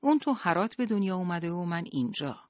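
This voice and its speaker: A woman's voice: on the low side, very animated, no echo, voice pushed up. An audiobook narrator voicing a young woman under police questioning, answering sharply and pleading, in a dry recording. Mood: tense, defiant. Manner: defiant, then pleading. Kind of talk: audiobook character voice.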